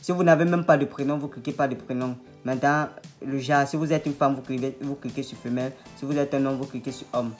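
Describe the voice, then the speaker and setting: A man explaining a computer tutorial step by step over a screen recording. He talks patiently and repeats steps to make them clear. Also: mid-range voice, steady tone, quick pace, faint music behind. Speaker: online tutorial host.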